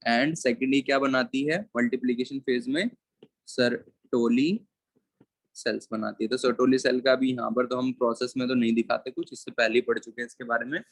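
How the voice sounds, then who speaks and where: A male biology teacher giving a classroom lecture, dictating slowly and repeating key terms word by word, mixing English terms into his explanation. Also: medium pitch, level tone, no room sound. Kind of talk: classroom lecture with board writing.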